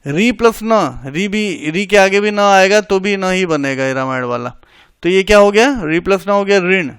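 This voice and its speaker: A man's voice: sits high, expressive, normal speed, fairly bright tone, clear, resonant tone, dry recording, clean studio sound. A man teaching a grammar lesson for exam preparation, explaining each rule step by step, repeating it and checking that students follow, with English words mixed in. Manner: mixes English words into Hindi.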